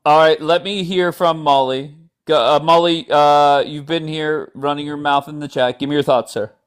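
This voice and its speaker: A man's voice: fairly high pitch, fairly even intonation, normal speed, clean tone. A man hosting a livestream call-in debate, blunt and profane, cutting in on his guests. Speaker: livestream host. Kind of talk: heated political call-in chat.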